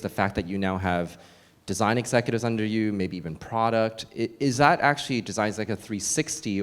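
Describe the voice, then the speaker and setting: A man's voice: lowish voice, in a large hall. A man leading a workshop discussion, asking tentative, probing questions with fillers. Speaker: workshop facilitator. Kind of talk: meeting discussion.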